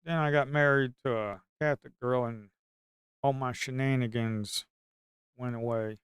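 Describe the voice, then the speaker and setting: A middle-aged man from the Blue Ridge Mountains, speaking with an Appalachian Southern accent, chats crudely and casually on a trading live stream, spinning rambling, folksy tales and bursting into hollers. His medium-pitched voice is smooth and steady at normal speed. The recording is studio quality with no echo.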